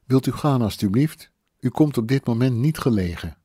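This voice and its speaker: A man's voice: mid-range voice, expressive, normal speed, dark tone, breathy edge, dry recording, clean studio sound, voice pushed up. A man voicing a curt, flustered woman of about sixty in an audiobook. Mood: brusque. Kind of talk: audiobook character voice.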